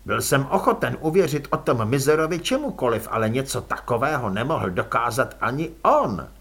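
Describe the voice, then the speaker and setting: A man reading an audiobook and voicing a weary, angry male commander who speaks gruffly and grimly. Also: mid-range voice, sing-song, a bit bright, full character voice. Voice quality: gruff, growling. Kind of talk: audiobook character voice.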